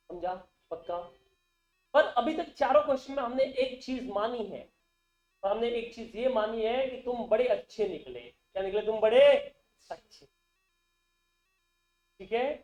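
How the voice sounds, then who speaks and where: A man's voice: sits high, mellow. A male accountancy teacher giving a classroom lecture, constantly asking the class questions and repeating terms back. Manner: quizzes the class with call-and-response questions. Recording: dull, roomy classroom recording.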